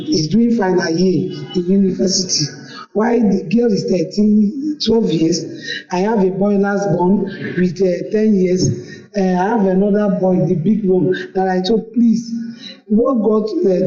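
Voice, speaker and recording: A middle-aged Nigerian woman leaving a halting, pleading voice message, asking for help and repeating herself. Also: mid-range voice, mellow. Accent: Nigerian English. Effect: played back voice note. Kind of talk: recorded voice message. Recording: dull echoey voice note recording.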